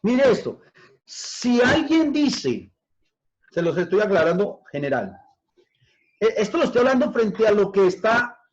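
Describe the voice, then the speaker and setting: A man preaching as pastor in a discipleship class, addressing listeners as brothers, asking them questions and drawing out key words slowly for emphasis. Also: high voice, animated. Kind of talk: discipleship teaching on scripture. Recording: dull lo-fi recording.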